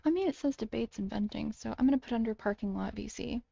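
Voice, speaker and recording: A sleepy, tired woman chats on a voice call in a fairly high, mellow voice. She hesitates often, filling gaps with ums and small restarts. The audio is dry and a little dull. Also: fast, creaky, no echo. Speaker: video creator hosting a call. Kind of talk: casual voice call chat.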